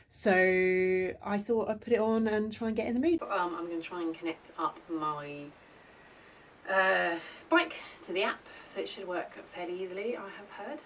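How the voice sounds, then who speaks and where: A woman chatting casually at home in an upbeat, talkative way, laughing often. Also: medium pitch. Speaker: fitness vlogger. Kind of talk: casual vlog chat. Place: home, indoors.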